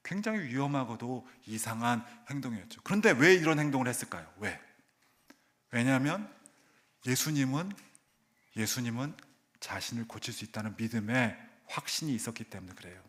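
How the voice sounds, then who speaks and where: A middle-aged man preaching a sermon in church, swinging between loud emphatic calls and soft, low asides, and acting out voices of the people in his story. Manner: acts out voices of crowd and characters. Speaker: pastor. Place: church sanctuary.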